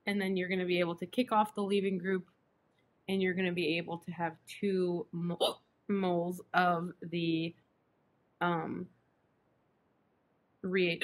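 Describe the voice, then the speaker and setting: Young woman tutor w hiccups, lowish voice, keeps saying excuse me. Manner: apologetic, self-interrupting with "excuse me". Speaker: chemistry tutor. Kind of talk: online tutoring session.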